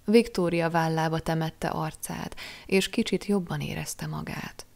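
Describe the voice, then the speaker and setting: Female audiobook reader; low, gravelly tone, measured expressive delivery. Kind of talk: audiobook narration.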